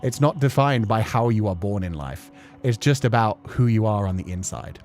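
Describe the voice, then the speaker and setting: A male streamer running a game playthrough talks in a lowish, expressive, slightly mellow voice at a moderate pace. He reflects casually and rambles with earnest emotion, accompanied by background music.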